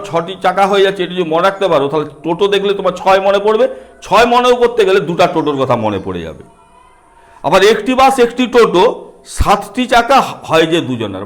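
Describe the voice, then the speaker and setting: Man, middle-aged, Bengali accent, high voice, patient teacher tone, speaking to young kids. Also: fairly bright tone. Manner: patient, talks directly to small children. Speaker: teacher and book author. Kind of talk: explaining a children's counting book.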